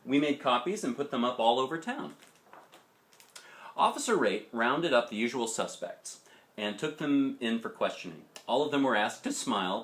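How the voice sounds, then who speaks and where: A father reads a picture book aloud in a mid-range, fairly bright voice, narrating the story expressively the way a dad would. He breaks in with chatty, casual asides to his young listeners.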